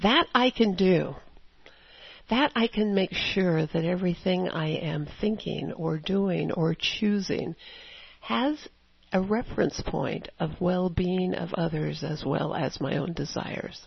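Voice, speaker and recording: A woman preaching a sermon in a conversational, storytelling way with animated asides. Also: on the low side, takes it slowly, creaky, breathy edge, dry recording, highs cut off.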